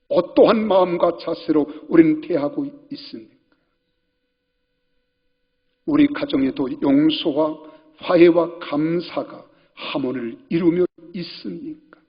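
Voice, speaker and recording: A man's voice: on the high side, slightly rough. A male senior pastor preaching a sermon in a church sanctuary, putting repeated questions to the congregation, in a reverberant hall with dull sound.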